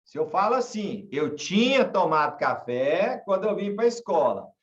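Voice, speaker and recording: A man's voice: high-pitched, big pitch swings, moderate pace, far from the mic. A man from Brazil teaching a class, asking questions and repeating example sentences. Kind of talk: online class lesson. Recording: dull, echoey room from afar.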